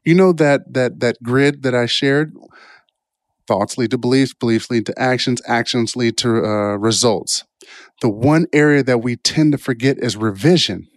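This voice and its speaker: An adult man, out of college, speaks at a moderate pace with an average pitch, like an informal motivational speaker sharing personal stories. Reflective and prone to rambling, he restarts thoughts and ends points with "right?" The recording is dry, with hardly any room in it.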